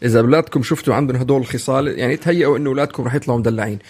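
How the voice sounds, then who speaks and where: Rapid-fire husky man. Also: mid-range voice. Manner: animated, acts out children's voices, many restarts. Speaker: podcast co-host. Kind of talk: casual parenting chat.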